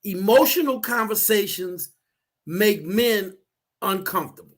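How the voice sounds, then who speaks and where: In a casual discussion, a man earnestly explains his ideas, often restarting and repeating words. His voice sits high, and his pace is measured.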